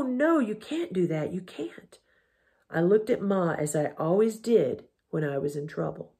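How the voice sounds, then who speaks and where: A woman teacher reading a novel aloud to her students in a calm, measured way, with a husky voice. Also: on the low side. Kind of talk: storybook reading.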